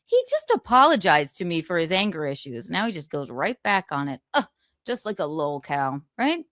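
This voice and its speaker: Reading aloud from a book on stream, a woman stops now and then to make sarcastic asides, chuckle often, and thank viewers for donations. She has a lowish, fairly bright voice with big pitch swings and a normal speed, captured in a dry, clean studio recording.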